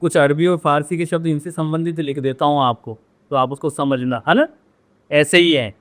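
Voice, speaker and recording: A man teaching a Hindi grammar lesson, drilling pronunciation by repeating words slowly and checking in with viewers. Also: on the high side, fairly even intonation. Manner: addresses viewers directly with frequent "है ना?". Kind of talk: classroom-style grammar lesson.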